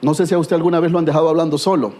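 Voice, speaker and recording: A man's voice: on the high side, fairly even intonation, racing, warm tone. A middle-aged man preaching a sermon with a Guatemalan Spanish accent, telling stories with humor and rhetorical questions.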